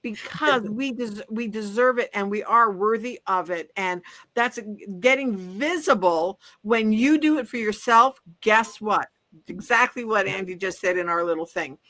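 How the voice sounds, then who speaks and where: A woman's voice: mid-range voice, unhurried, bright, forceful tone. A woman in her seventies co-hosting a wellness talk show, upbeat and emphatic, often agreeing. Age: 70s. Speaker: co-host, wellness coach. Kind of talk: casual talk-show chat.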